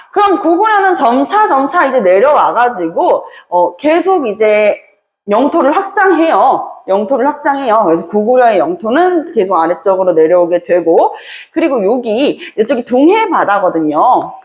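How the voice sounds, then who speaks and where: Animated woman teaching history, echoey room. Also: a little high, moderate pace, muffled recording. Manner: lively storytelling, acting out characters in quoted voices. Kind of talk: animated classroom lecture with acted-out dialogue.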